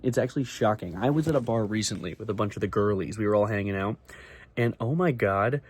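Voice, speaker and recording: A man's voice: on the low side, a little mellow. A young man talking casually to camera at home, rambling and sarcastic as he jumps between topics. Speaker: vlogger. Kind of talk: casual comedic monologue. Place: small bedroom with acoustic foam.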